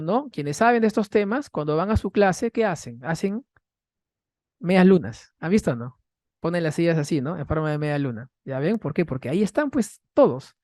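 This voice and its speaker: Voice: medium pitch, a little mellow, no echo, clean studio sound. A conference panelist gives an academic lecture to a seated audience from a stage. The speaker keeps checking in with tag questions and rhetorical questions, and often restarts with repeated words. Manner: frequent false starts and repeated words. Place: university hall, speaking from a raised stage facing a seated audience.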